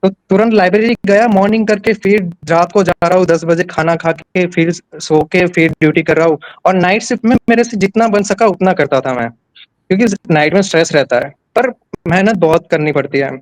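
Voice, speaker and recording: A man's voice: sits high, fairly quick, no room sound, poor audio. Candid young man from Gujarat. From Gujarat, India. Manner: candid, plain, many restarts. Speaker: exam topper, nurse. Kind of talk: casual interview.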